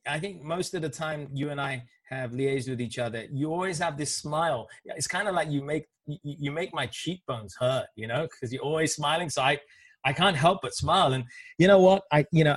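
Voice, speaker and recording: A man hosting a podcast interview, chatty and enthusiastic, with a slightly husky voice. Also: a little high, no room sound. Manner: enthusiastic, chatty, many fillers. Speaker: podcast host. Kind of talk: casual interview.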